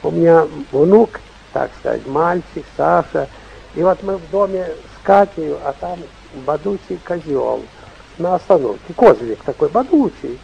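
An older man, in his sixties or beyond, preaching an informal, emphatic sermon with repeated phrases and a raspy voice, speaking at a stand microphone. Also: on the high side, lively intonation, measured pace, mellow, lo-fi sound, a little hiss or hum. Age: 60s or older. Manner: emphatic, repetitive, acting out short anecdotes and dialogue. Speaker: bishop preaching. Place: stage of a hall, indoors.

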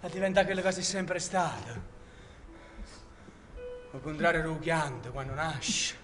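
A stage actor with a Neapolitan accent playing a volatile, scornful man in a live theatre performance, swinging between loud taunting shouts and hushed menace. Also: on the high side, unhurried, soft background music. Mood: brooding.

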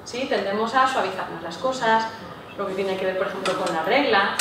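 A woman giving a public talk to a live audience, often checking in with her listeners with a quick "¿sí?". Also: medium pitch, background noise. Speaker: lecturer. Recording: echoey room, voice from far off.

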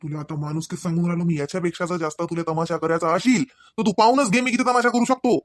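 A man's voice: sits high, fast talker, background noise, natural voice. A man voicing an angry young husband who sternly scolds his wife, speaking. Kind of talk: cartoon voice acting.

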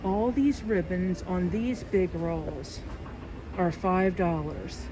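Walking through a large store with her phone camera, a woman chats and apologizes in a lowish, slow voice dulled by a face mask. It's a casual vlog tour, and background store noise runs through the phone recording.

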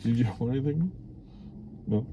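A man's voice: medium pitch, moderate pace. A man in his fifties chatting casually in a teasing way, like a dad talking to his kid. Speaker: father driving his daughter. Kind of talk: casual chat. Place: inside a car. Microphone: camera on the dashboard. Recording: loud car and outdoor street noise.

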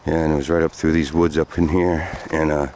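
Man in his forties, very deep voice, rambling casual storytelling, outdoors, handheld camera mic, faint noise. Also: flat delivery, a little fast, a little mellow. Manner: rambling, loose with many fillers. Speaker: vlogger. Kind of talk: walking storytelling vlog. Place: outdoors on sandy trails by woods.

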